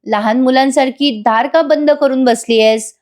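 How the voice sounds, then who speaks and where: Woman doing meddling young woman, sugary, teasing, mock-sympathetic, fairly high voice, retold serial scene. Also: expressive, moderate pace, darkish tone. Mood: mock-sweet. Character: sweet-talking, taunting young woman meddler.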